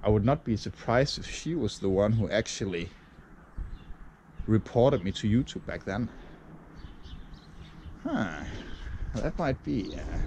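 A Danish vlogger in his thirties chats casually to a camera held at arm's length on a chilly morning outdoors, rambling with many fillers. His low, darkish voice is expressive and unhurried, with frequent pauses and slight background noise.

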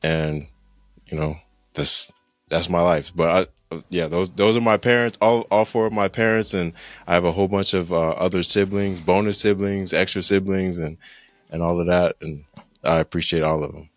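A man in his thirties, a podcast guest, chats casually in an interview about growing up, rambling and laughing often. His voice sits low at a normal speed, recorded dry on a studio mic with headphones over a video call from a room at home, with faint music behind.

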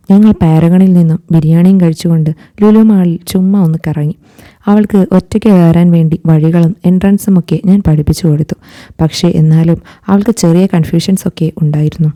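A woman narrating a first-person story in a calm, even reading. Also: on the low side.

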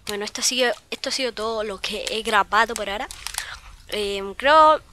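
A woman with a Chilean accent giving live, excitable commentary over her own gameplay, cursing and yelling at the game. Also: mid-range voice, a little fast, a little hiss or hum. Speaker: gaming video creator.

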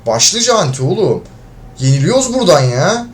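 On the high side and very animated, at normal speed with slight background noise, a gaming video creator commentates his own match. He's frustrated, swears at teammates, and shouts when he loses.

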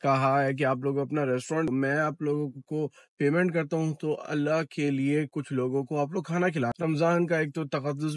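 A man's voice: on the high side, no echo. A man in his thirties vlogging casually from his car and his cafeteria, filling his talk with religious phrases. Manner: devout, peppers speech with religious phrases. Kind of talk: casual vlog narration. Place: car and restaurant kitchen, Gulf city.

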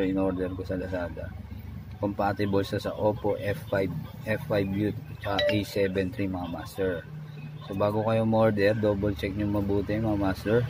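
Low-voiced Filipino repair guy. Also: noisy background. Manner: keeps saying "mga master" and "no?", slightly slurred. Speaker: phone repair tutorial host. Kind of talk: casual repair walkthrough.

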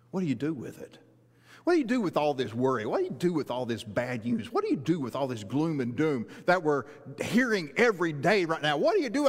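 A middle-aged man preaches in a large church sanctuary, his voice sitting a little high for a man. He pleads earnestly and presses his points with repeated questions. The sound carries a long hall reverb from a distant stage mic. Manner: earnest, rising to emphatic rhetorical questions, walking the stage. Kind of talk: sermon.

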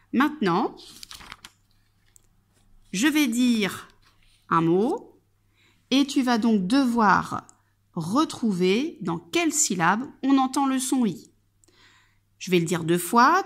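A woman kindergarten teacher leads a lesson for young children, her voice sitting a little high. She speaks very slowly and addresses the child directly and patiently. She articulates every word with care and breaks words into their syllables. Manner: slow, clearly articulated, splits words into syllables. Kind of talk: instructional video for young children.

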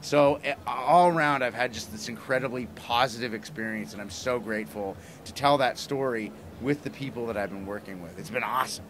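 Fairly bright and medium-pitched, this middle-aged comic writer and broadcaster talks a little fast with few pauses in an effusive, casual guest interview. A handheld mic is held toward him in a small plywood-walled convention booth, and clear background room noise and convention ambience come through.

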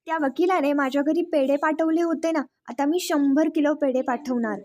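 A man's voice: very high voice, steady tone, moderate pace, darkish tone. A woman voicing a gloating, drunk older male villain who mocks and boasts. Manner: boastful, mocking.

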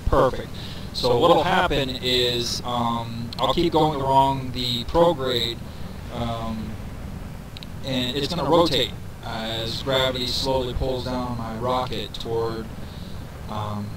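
A man's voice: mid-range voice, steady tone, slow pace. A man narrating a casual game walkthrough, thinking aloud with fillers and counting down numbers, his voice carrying reverb from a poor microphone. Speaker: gameplay tutorial narrator. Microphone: cheap desk microphone. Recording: reverby mic with crowd noise behind.

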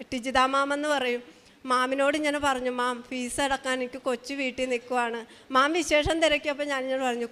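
A middle-aged woman giving a spoken personal testimony, halting and emotional, often breaking off and restarting her sentences. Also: high voice, fairly bright tone, clear, resonant tone. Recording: long hall reverb.

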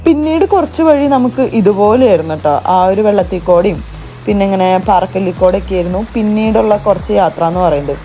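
A woman's voice: medium pitch, expressive, fast, warm tone, rough recording. A young woman, narrating a casual travel vlog on a forest trail and talking to viewers as guys. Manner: chatty, mixes in English phrases, addresses viewers as guys. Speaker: travel vlogger. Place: outdoors on a forest trail by a waterfall. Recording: background music under the voice.

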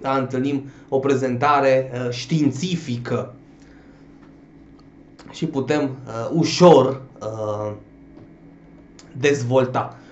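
A man's voice: medium pitch, steady tone, long pauses, echoey room, dull audio, slight background noise. Man teaching a grammar lesson. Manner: explanatory, checks in with a frequent questioning "da?"; addresses students warmly as "dragilor". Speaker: Romanian language teacher. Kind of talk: exam-prep grammar lesson.

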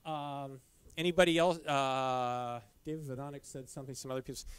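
In a dim lecture room, a middle-aged caving club presenter talks through his slides casually. His voice is medium-pitched, steady, and smooth with no echo, though his speech is loose and halting, peppered with restarts and fillers.

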